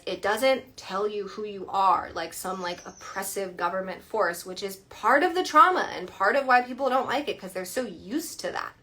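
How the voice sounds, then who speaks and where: A young woman talking casually into her phone on a live stream, her voice bright and forward. She rambles a little, leans on fillers, and sounds earnest and slightly defensive as she explains her view. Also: mid-range voice. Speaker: astrologer hosting a live stream.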